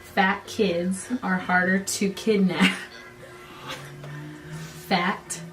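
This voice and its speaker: A woman's voice: mid-range voice, little pitch movement, very slow, a bit bright. A woman chatting casually and playfully in a giggly, teasing way, repeating short phrases in a game. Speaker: vlogger playing a party game with sisters. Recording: echoey room, slightly distant mic, music behind.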